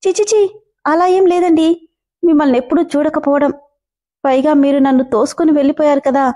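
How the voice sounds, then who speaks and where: A frightened young bride pleads through tears in a high, mellow voice, apologizing again and again, as a woman narrator puts her on. She sounds small and shaky, like a storybook girl facing someone she dreads. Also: steady tone, brisk, close to an everyday voice. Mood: tearful. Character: timid tearful young bride.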